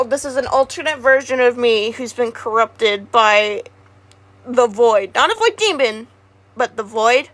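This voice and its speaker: A woman streamer in casual livestream chat, rambling and halting with many restarts. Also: on the high side, a bit bright.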